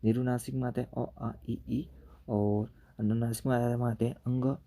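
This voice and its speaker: A man teaching an exam-prep grammar lesson. His voice is deeply dark and mellow, and his pitch sits in an ordinary middle range. He walks through each point patiently and keeps checking in with the class as he goes. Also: little pitch movement, measured pace. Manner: explains step by step, tag questions like "ठीक है" after each point.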